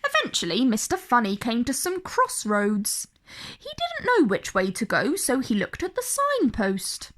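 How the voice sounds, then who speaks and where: A woman reads a picture book aloud to children, her fairly high, slightly bright voice swinging hugely in pitch. She goes a little slowly, addressing young listeners directly and adding dramatic emphasis as an expressive storyteller.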